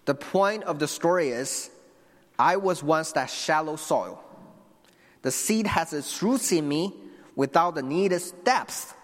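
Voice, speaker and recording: With a voice on the high side and plenty of expression, a young Chinese man slowly preaches a heartfelt sermon as long reverb lingers behind him. He addresses the congregation directly, with restarts and asides to them.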